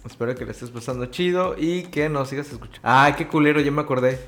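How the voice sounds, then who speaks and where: A man's voice: medium pitch, fast talker, a bit bright. Laughing Mexican man, podcast co-host. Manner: easygoing, laughs often. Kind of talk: casual podcast banter.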